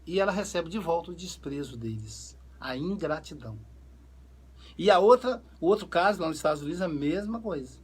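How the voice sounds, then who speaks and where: Man, psychoanalyst, husky, high-pitched, animated storytelling. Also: a little fast. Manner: animated storyteller, acts out quoted dialogue. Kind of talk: conversational talk on family relationships.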